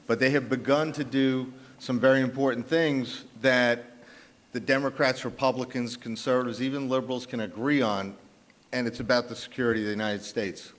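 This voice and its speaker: A man's voice: medium pitch, a bit bright. A man from the South Bronx with a New York accent, presenting poll numbers emphatically on a conference panel. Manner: emphatic, punchy, with frequent restarts. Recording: long reverb of a large conference hall.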